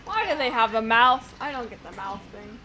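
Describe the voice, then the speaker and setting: Rambling woman streamer, slightly high voice. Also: normal speed. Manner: rambling, excitable, talks to her pet. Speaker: streamer discussing game theories. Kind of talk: casual chat. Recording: noisy home stream audio.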